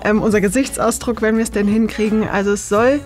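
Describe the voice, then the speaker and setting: A woman's voice: mid-range voice, fairly even intonation, fast talker, a little mellow, faint music behind. A woman in her late twenties chatting casually in a documentary interview, with many fillers and frequent laughs. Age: 20s. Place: cinema auditorium.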